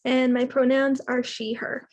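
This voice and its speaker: A young woman from Canada speaks in a high, slightly husky voice, introducing herself to the group. She sounds chatty and giggly over a video call. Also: level tone, a little slow, a little mellow. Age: 20s. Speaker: game player. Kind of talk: casual self-introduction.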